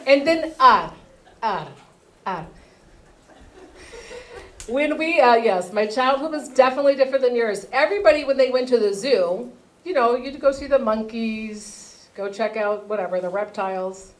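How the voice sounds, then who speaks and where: A woman doing a stand-up comedy set on stage, telling animated stories and acting out her family. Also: on the high side, a little fast. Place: comedy theater stage with audience.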